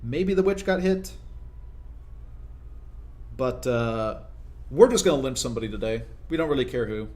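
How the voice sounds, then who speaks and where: A young man talks through a strategy game as he plays, explaining each move in a relaxed, conversational way. His voice sits at an ordinary middle pitch, and he keeps checking in with the listener as he reasons out loud. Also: moderate pace, long pauses. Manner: conversational, explanatory, frequent "right?" tag questions. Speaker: gaming video commentator. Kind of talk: casual gameplay commentary.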